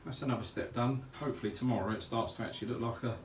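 A DIY pond vlogger talks through his work in a cramped, echoey garage, rambling very fast and matter-of-factly with lots of "uh, yeah" fillers in a medium-pitched voice. The mic is some distance away, so he sounds distant, with a steady air conditioning hum and passing traffic underneath.

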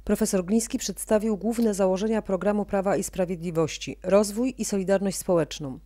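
A woman reporter reading a scripted news voice-over in an even, formal way. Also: medium pitch, dry recording, studio quality.

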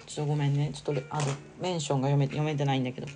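Heavy background noise surrounds a young woman whose deep voice comes out flat and rapid-fire. She's hosting a casual live stream, chatting, reading viewer comments aloud, and often exclaiming and laughing.

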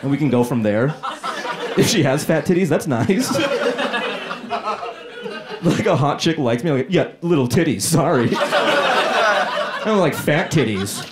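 A man in his thirties doing a stand-up comedy set on a club stage with a handheld mic, animated and working the crowd. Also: a little high, unhurried, long pauses. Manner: animated, crowd work, acts out voices. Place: comedy club stage before a laughing audience. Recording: live club recording with loud crowd laughter.

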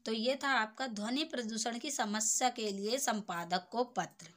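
In an unhurried, slightly bright, higher-pitched voice, a young adult woman tutors informally. She explains step by step and keeps checking understanding with tag phrases.

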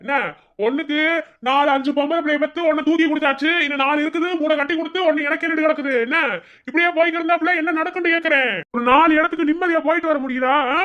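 A performer voicing a drunk, angry middle-aged father in a cartoon, scolding roughly with a Madurai accent. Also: sits high, steady tone, racing, a bit bright, lo-fi sound. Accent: Madurai Tamil. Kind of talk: cartoon voice acting.

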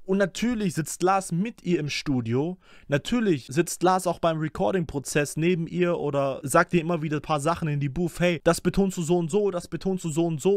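A young man talks through a track in casual, slangy reaction commentary, his voice sitting high for a man. He keeps jumping up into squeaky imitations of the lines he comments on. The sound is dry and close, with no room around it. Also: dry recording. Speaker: music reaction streamer.

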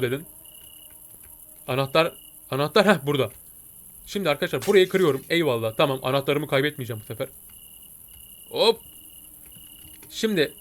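A man voicing an excitable, jokey male cartoon cat who comments on a game and talks to his viewers. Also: a little high. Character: chatty male cartoon cat gamer, jumpy. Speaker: gameplay commentator. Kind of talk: let's-play commentary.

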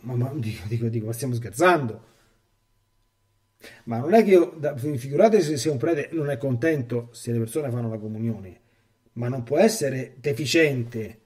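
A priest gives a catechesis sermon, his voice mellow and warm. He moves between reading a text aloud and speaking freely, pressing his points with emphasis and sometimes stumbling over repeated words. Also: on the high side, far from the mic. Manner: emphatic, with stammered repetitions when speaking freely.

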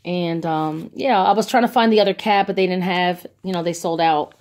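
Speaking in a lowish, darkish voice at normal speed, a woman enthusiastically presents her bargain finds in a casual haul video. She chats freely with lots of ums, recording on a phone held in her own hand.

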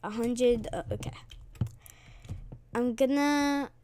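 A woman giving live gameplay commentary as a gaming channel host, excitable and trash-talking, humming to herself while she plays. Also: a little high, slow pace, slight background noise.

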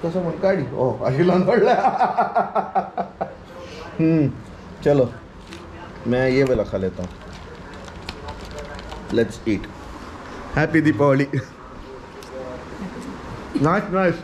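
A man in his forties vlogs his day, chatting and laughing to a handheld action camera at arm's length, starting at home and then heading outdoors at night. He mixes in English phrases, speaking slowly with long pauses in a fairly high, expressive voice against a noisy background.

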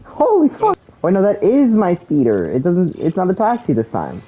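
A man's voice: high-pitched, wildly swooping pitch, moderate pace, warm tone, low-quality recording. Joking, profane young gamer man. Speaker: gaming channel host. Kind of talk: casual gameplay commentary.

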